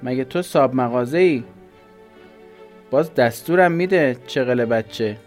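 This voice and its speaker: A man's voice: medium pitch, faint music behind, pitched above the performer's own voice, close to an everyday voice. A man voicing a scornful, bossy male TV repair shop owner who mocks others. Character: sneering, mocking male TV repairman.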